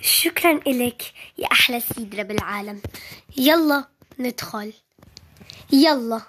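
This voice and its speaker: A woman voices every character of a home-made play-acted series herself. Her voice sits high, and she swings between excited calls, tearful complaints and soft soothing lines. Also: normal speed, slight background noise.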